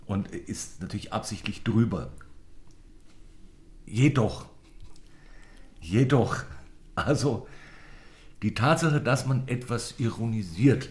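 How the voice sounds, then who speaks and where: Halting low-voiced German man. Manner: hesitant, many fillers and restarts. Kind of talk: casual chat.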